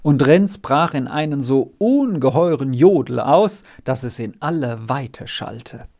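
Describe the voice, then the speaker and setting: A man reading a children's storybook aloud in a calm, measured way. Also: mid-range voice, creaky.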